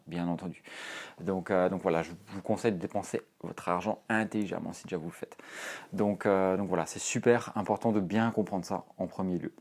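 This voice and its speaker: A young man talks straight to camera about fitness in a loose, rambling way. His voice sits fairly low, and he leans hard on fillers and restarts as he goes. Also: a little mellow. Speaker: fitness vlogger. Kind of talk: casual advice to camera.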